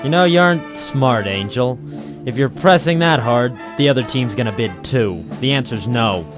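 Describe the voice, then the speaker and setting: A male actor gives the cynical waterfront operator of a 1940s radio noir a natural, medium-pitched voice at normal speed, with music in the background. He's deadpan, terse and wisecracking, sardonic and tough, narrating in first person and trading dialogue on a 1940s broadcast recording.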